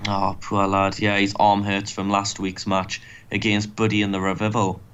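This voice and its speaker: A man's voice: on the low side, monotone, normal speed, a bit bright, highs cut off, a little hiss or hum. A man hosting a let's play, giving casual, joking commentary on a wrestling game. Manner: joking, wry.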